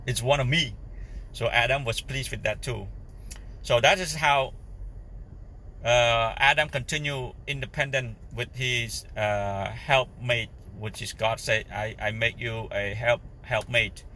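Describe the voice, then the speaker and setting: Slow-talking man with a Cambodian Khmer accent. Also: medium pitch, bright, forceful tone, a little hiss or hum, rough recording. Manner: halting, searching for words in non-fluent English. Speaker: lay preacher. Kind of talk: informal Bible teaching.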